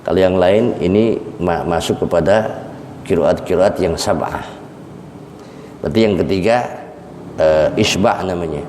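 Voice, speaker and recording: Slow man teaching in an echoey hall. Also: low voice, darkish tone, a little hiss or hum. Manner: slow, repeats drawn-out recitations to teach. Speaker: Islamic teacher. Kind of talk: Quran exegesis lesson. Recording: echoey hall, faint ambience.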